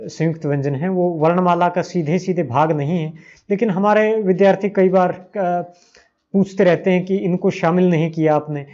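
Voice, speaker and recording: A man's voice: sits high, a little mellow. A man teaching Sanskrit grammar with a Hindi accent, patiently repeating each sound aloud for his learners. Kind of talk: slow spoken grammar lesson. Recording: slightly dull lo-fi recording.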